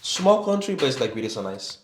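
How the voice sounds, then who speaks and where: A man's voice: mid-range voice, very animated, brisk, roomy sound, slight background noise. A young man from Sierra Leone chatting casually as a YouTube reactor, rambling and leaning on "like" and "you know".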